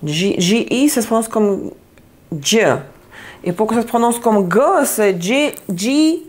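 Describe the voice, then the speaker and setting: A woman's voice: mid-range voice, lively intonation, takes it slowly, a little mellow. A woman giving a casual tarot reading, chatty, often searching for words and repeating herself. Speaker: tarot reader.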